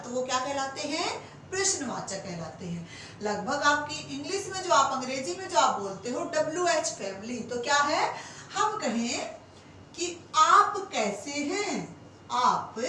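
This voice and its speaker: A woman's voice: sits high, sharp tone, very echoey, distant mic, slight background noise, rough recording. A woman teaching Hindi grammar to exam students, answering her own rhetorical questions and calling them "beta". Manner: stretches example sentences slowly word by word. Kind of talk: classroom lecture for exam students.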